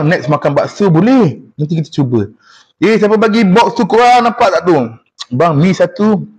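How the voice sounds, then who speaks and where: A young Malaysian man hosts a casual live stream, chatting and teasing his viewers. His voice sits a little high for a man. He reads comments aloud with a Malaysian Malay accent.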